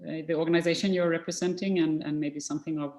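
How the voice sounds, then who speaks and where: A woman's voice: low voice, steady tone, fast, a little mellow. Hesitant woman hosting a video call. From Sweden. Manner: hesitant, many fillers. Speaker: workshop host. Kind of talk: online meeting moderation. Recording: echoey video-call audio.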